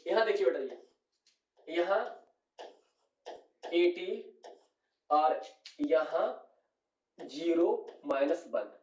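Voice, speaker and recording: A man's voice: fairly high pitch, very slow, long pauses, a little mellow, distant mic. A male chemistry teacher, explaining a lecture at the board and checking again and again that his students follow. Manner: addresses students as "beta", keeps asking "clear?". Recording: echoey room, voice off-mic, dull sound.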